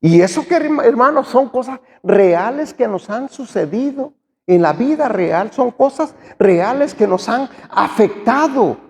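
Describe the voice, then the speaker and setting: A man's voice: extremely high pitch, expressive, unhurried, a little mellow. A middle-aged man, preaching an earnest sermon and addressing his listeners as dear brother. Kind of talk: sermon testimony. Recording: long hall reverb.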